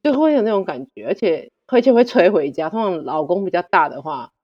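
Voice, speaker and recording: A woman guest telling stories in casual chat, direct and animated, acting out the dialogue. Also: on the low side, a little fast, husky, in a large hall, highs cut off.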